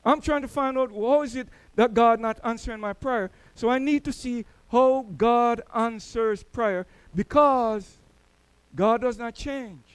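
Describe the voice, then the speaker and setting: In this sermon, a middle-aged Jamaican elder with a Jamaican accent tells stories, pushing key words louder. He speaks a little slowly in a very high voice with a clean tone. The recording is dry.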